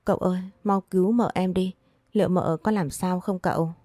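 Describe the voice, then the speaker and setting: A frantic young servant girl in a storybook tale wails over her mistress, as a woman narrator puts her on. The voice is low and warm, recorded dry. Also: steady tone, moderate pace, no echo, close to an everyday voice. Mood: wailing. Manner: wailing, loud lament.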